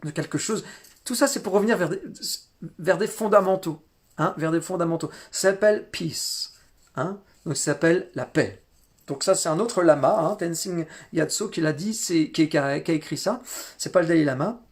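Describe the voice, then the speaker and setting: A man giving a spiritual teaching talk, halting often with repeated words and fillers. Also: on the high side.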